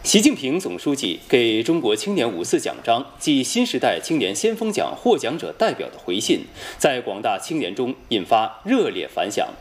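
A man with a standard mainland Mandarin accent reading scripted news as an anchor, formal, measured and precisely enunciated. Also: mid-range voice, wildly swooping pitch. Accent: standard mainland Chinese Mandarin.

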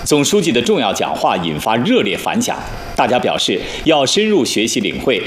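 A man's voice: mid-range voice, huge pitch swings, moderate pace, echoey room, faint music behind. Formal male news anchor, sweeping intonation. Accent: standard mainland Mandarin. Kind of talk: scripted national newscast.

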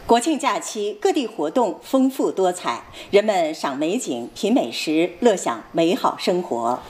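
A woman reading scripted news as a formal television anchor in standard mainland Chinese Mandarin, with a measured announcer delivery. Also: fairly low pitch, big pitch swings, darkish tone.

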